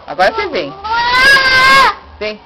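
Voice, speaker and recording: A woman's voice: mid-range voice, huge pitch swings, a little slow. Sing-song older Brazilian grandmother. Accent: Brazilian Portuguese. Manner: repetitive, sing-song coaxing. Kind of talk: coaxing a toddler to walk. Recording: home video with loud background noise.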